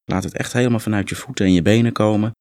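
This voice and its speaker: A man guiding a muscle relaxation meditation, calm and instructive, gently coaxing the listener along. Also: lowish voice, rapid-fire, dry recording, studio quality. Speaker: relaxation exercise guide.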